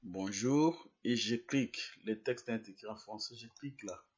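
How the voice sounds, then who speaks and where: A man explaining a software tutorial step by step. He restarts and repeats words as he clicks through a screen demonstration. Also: lowish voice, fairly even intonation, moderate pace, husky, lo-fi sound.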